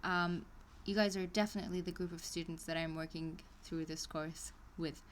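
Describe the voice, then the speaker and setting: Reading an online course aloud during a live stream, a woman speaks in a lowish, steady voice at moderate speed, pausing for chatty remarks and soft laughter. Her delivery is hesitant, full of ums and restarts, over a slight background hiss or hum.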